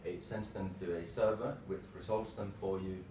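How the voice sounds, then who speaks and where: A developer in his thirties gives an informal tech lightning talk indoors in a small meeting room, his low, steady voice moving in short, halting phrases. The far camera microphone leaves the recording roomy and distant, with background noise plainly present.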